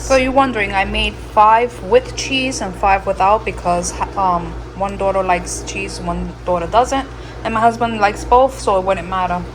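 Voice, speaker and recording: A middle-aged woman chatting casually as she cooks in a home kitchen, explaining things in a rambling way, with machine noise from a dishwasher behind her. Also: medium pitch. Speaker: home cooking vlogger. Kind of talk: casual chat while cooking. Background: running dishwasher noise.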